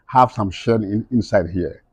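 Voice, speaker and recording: A middle-aged man being interviewed speaks with passion in broken, non-native English, hammering his points home by repeating them. His voice is fairly low, husky and unhurried, and the recording has no room sound.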